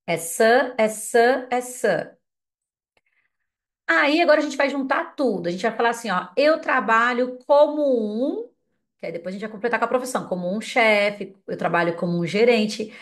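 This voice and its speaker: A woman whose first language is Portuguese, giving an English lesson, drilling words slowly and patiently with repetition prompts. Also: on the high side, lively intonation. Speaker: English teacher.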